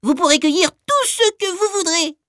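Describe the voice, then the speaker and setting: A woman voicing a tiny, helpful female mouse in a storybook reading, with a squeaky, quick and eager voice. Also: animated, a bit bright, dry recording, studio quality.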